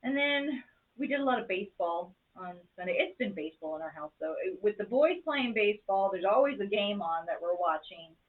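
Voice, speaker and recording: A woman from the southern United States co-hosting a casual chat, telling family stories in a lively way and laughing often. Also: mid-range voice, a little fast. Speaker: co-host. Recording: tinny phone-like sound.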